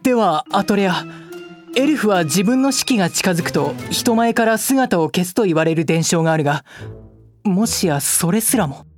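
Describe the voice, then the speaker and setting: Actor as animated, exasperated young male leader. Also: mid-range voice, moderate pace, natural voice. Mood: grave. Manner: blunt, commanding, flustered. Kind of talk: fantasy audio drama acting. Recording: music under the voice.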